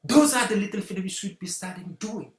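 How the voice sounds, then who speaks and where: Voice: mid-range voice, animated, fairly quick. A guest from Senegal, giving an earnest talk on community unity and repeating rallying phrases. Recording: roomy echo.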